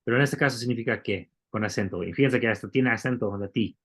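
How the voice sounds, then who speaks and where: A man's voice: mid-range voice, fast, fairly bright tone, breathy edge. A man teaching a Bible Greek class, explaining step by step and asking the students questions. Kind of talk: classroom lecture.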